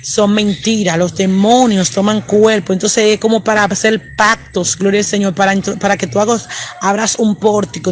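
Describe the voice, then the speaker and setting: A man's voice: high-pitched, a little hiss or hum. A man evangelist, telling a personal testimony and peppering it with praise interjections. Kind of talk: testimony storytelling.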